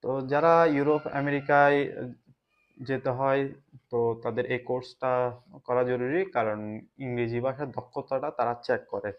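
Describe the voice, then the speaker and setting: A man from Bangladesh with a Bangladeshi Bengali accent talks casually to the camera in a reflective way, often pausing to search for words. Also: mid-range voice, steady tone, smooth. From Chittagong, Bangladesh. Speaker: vlogger. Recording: slightly dull lo-fi sound.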